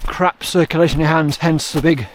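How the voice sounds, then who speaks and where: A man's voice: fairly high pitch, fairly even intonation, fairly quick, a little hiss or hum. A British man vlogging casually while out running on open hills, talking in a wry, self-deprecating way with dry understatement. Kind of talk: casual vlog chat to camera. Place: outdoors on open moorland hills.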